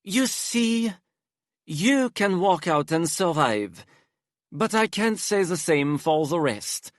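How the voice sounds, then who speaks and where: A man's voice: sits high, very animated, slow pace, no room sound, studio quality, voice pushed up, heavily acted. A man voicing a flamboyant, menacing young man who speaks in a sing-song, theatrical drawl and drops French endearments. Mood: coaxing.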